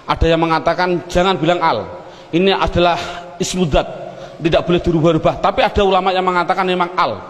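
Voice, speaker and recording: Male grammar teacher, high voice, lecture drills, long reverb. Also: steady tone, fast. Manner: drills with questions he answers himself. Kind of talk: classroom lecture.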